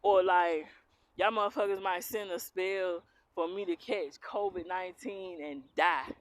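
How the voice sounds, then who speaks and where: Speaking a little slowly in a steady, fairly low voice with no echo, a young Philadelphia-born woman raised in the South talks with a strong Southern accent. She reads tarot and rants defiantly to camera, swearing a lot, over clear background noise.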